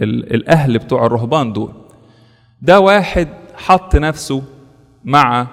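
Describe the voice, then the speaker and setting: A man's voice: mid-range voice, long reverb tail. A man with an Egyptian Arabic accent, a priest giving an earnest sermon that is full of rhetorical questions and lists.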